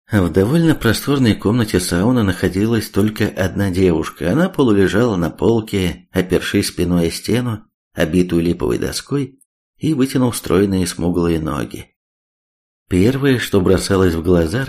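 A man with a very low voice narrates a first-person audiobook. His delivery is wry and blunt, with a slangy, streetwise edge. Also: a little mellow.

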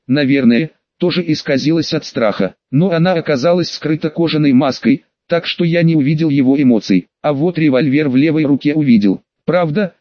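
A man's voice: a little high, no echo. Sardonic male audiobook narrator, dry sound. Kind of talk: first-person audiobook narration. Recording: dry, slightly dull recording.

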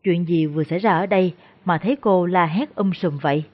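A woman voicing a shrewd, calm older male exorcist master who asks probing, feigned questions. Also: lowish voice, fairly quick, natural voice. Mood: shrewd questioning. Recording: dull lo-fi recording.

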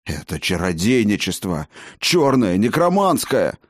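A man voicing an angry, stern middle-aged craftsman who shouts commands in an audiobook. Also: fairly low pitch, sing-song, a little slow, no room sound, studio quality. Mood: furious.

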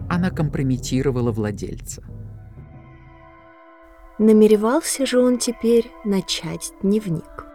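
A woman's voice: low voice, mellow. Grave woman narrator with music. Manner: measured, grave. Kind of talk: scripted narration.

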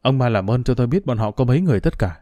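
A man's voice: mid-range voice, lively intonation, racing, warm tone, no echo, lightly acted. A man voicing a young father searching for his kidnapped child, earnest and restrained, pressing with questions.

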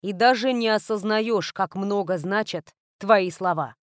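A woman voicing a calm young male heir who speaks in an even, emotionless tone, read as part of a storybook narration. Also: medium pitch, unhurried, no echo, studio quality, close to an everyday voice. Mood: cool, level.

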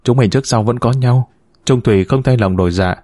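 A man's voice: mid-range voice, fairly quick, mellow, no room sound, clean studio sound, close to an everyday voice. A man doing a sly, joking grown man. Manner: jokey, teasing.

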